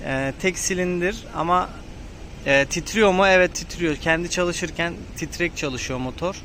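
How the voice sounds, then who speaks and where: Clear vehicle and outdoor noise surrounds a man talking inside a helmet. His voice sits a bit high. He reviews in a casual, unscripted way, feeling out his explanations as he goes. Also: normal speed, pushed and bright. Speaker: motovlogger reviewing his motorcycle.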